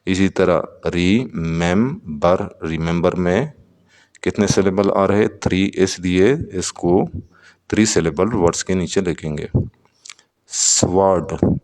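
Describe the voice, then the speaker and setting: Slow, deep-voiced male teacher. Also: a little mellow, in a large hall. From Pakistan. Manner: slow, repeats words and asks students questions. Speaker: English teacher. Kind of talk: classroom lesson explaining vocabulary.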